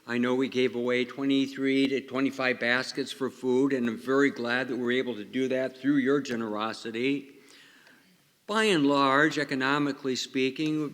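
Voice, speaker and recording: A man's voice: mid-range voice, fairly bright tone. A man, a parish priest, reads the Gospel and preaches in a plain-spoken way, asking the congregation questions, with a long cathedral echo around his voice. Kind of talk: Gospel reading and conversational homily. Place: large church. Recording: long echo of a large church.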